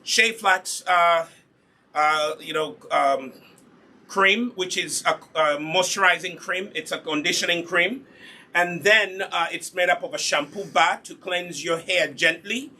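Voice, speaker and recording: Selling and demonstrating natural hair products, this Ugandan host runs a casual live session in an instructive way, going back over the key points. He speaks with a Ugandan accent at a measured pace, his high voice bright and forceful, against slight background noise.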